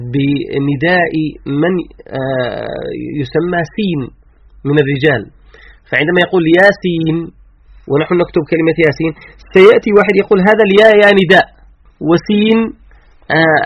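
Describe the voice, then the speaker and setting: A man explaining the Quran's letters to an interviewer, emphatic, slowing to stress each letter. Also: fairly high pitch, husky, no echo. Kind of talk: explanatory religious lecture. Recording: dull lo-fi radio sound.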